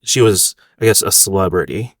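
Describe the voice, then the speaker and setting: This American restaurant owner in his thirties talks in a low, animated voice at a normal speed. He rambles with fillers during a casual interview, and the studio-quality recording has no room sound.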